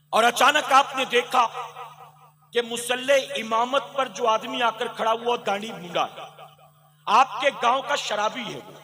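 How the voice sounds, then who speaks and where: A man preaching a religious sermon at a gathering, firing rhetorical questions at the audience and building to impassioned emphasis. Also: extremely high pitch. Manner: impassioned, rising to loud emphasis.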